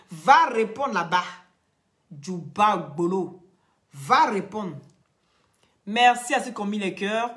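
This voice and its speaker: Hoarse woman streamer, loud, taunting, quick to laugh. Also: mid-range voice. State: hoarse, losing her voice. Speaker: social media live streamer. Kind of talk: mocking live-stream rant.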